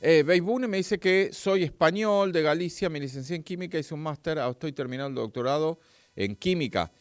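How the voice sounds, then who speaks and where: A physics teacher with an Argentine accent gives a chatty live-streamed lesson, speaking straight to his viewers and reading their chat. His voice sits a little high and moves a little fast. The recording has no room sound.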